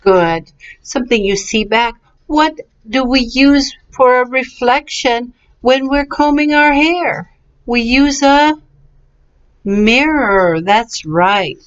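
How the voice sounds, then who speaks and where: A woman teaches pronunciation at a very slow, deliberate pace, drawing out each syllable and praising often. Her voice sits a little high and sounds slightly dull and lo-fi, like a webcam recording. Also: clear, resonant tone. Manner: patient, encouraging, drawn-out syllables. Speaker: English teacher. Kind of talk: slow, clearly enunciated vocabulary and pronunciation lesson.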